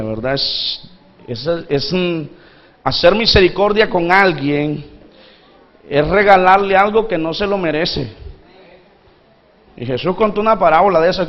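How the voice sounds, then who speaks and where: High-voiced pastor preaching, dull lo-fi sound. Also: male voice. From Honduras. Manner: preaching with call-and-response to the congregation; acts out pleading voices from the parable. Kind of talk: sermon.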